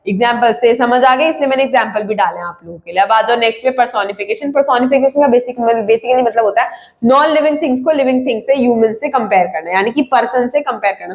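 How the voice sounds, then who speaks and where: Higher-pitched woman teaching English class. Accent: Indian English. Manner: explains with examples, asks and answers own questions, calls students "beta". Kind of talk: board exam English lesson.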